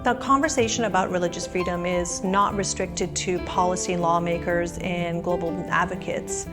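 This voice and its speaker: Earnest woman from afghanistan, lowish voice, talking over music in a doc voice-over. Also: fairly even intonation, moderate pace. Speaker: business owner and nonprofit director. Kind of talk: documentary testimony over music.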